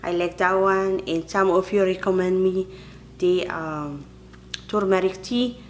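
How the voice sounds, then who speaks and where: A woman's voice: on the low side, unhurried, a little hiss or hum. A woman in her thirties talking to camera in her kitchen, earnest and chatty, often calling her viewers you guys. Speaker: vlogger. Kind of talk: casual vlog to camera. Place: kitchen at home.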